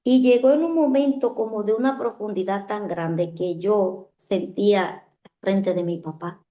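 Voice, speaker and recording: A woman's voice: medium pitch, measured pace, mellow. A woman giving an earnest personal testimony in an interview, often repeating her phrases for emphasis. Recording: echoey, dull-sounding room.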